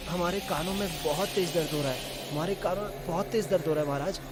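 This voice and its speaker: A man's voice: fairly high pitch, fast talker, heavy background noise, lightly acted. Man playing an anxious royal minister. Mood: pleading. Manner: pleading, fretful. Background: background music.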